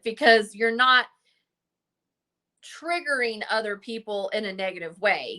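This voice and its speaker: A woman's voice: medium pitch, sharp tone. A woman talking casually to her camera as a psychic wellness vlogger, rambling and chatty with lots of "like" and "right?". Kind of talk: casual unscripted monologue to camera. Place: indoors in front of a camera and ring light.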